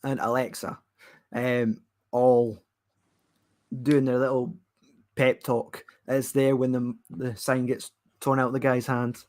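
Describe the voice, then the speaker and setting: A man's voice: medium pitch, level tone, slow pace, darkish tone. A man co-hosting a casual live-reaction chat, rambling and laughing often. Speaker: co-host. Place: at home watching TV.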